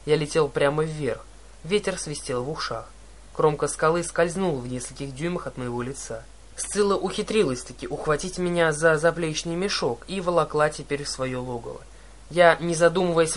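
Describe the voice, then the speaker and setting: A man narrates a first-person adventure novel aloud. His delivery is dramatic and animated, and his voice sits a touch high for a man. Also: moderate pace. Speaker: audiobook narrator.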